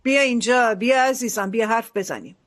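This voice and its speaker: A woman's voice: on the high side, a bit bright, close to an everyday voice. A woman dubbing a domineering, scornful mother. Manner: commanding, scornful, sarcastic. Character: domineering scheming wealthy mother, sharp-tongued landowner. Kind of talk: dubbed TV drama.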